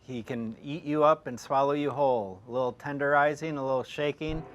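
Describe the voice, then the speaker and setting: An actor playing a gruff shark hunter, reading his lines flatly in his own plain voice and stumbling over them. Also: mid-range voice, dull audio, faint music behind, natural voice. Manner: flat, halting line reading in his plain voice. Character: gruff middle-aged male shark hunter, flat and halting. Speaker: performer doing a movie scene reenactment.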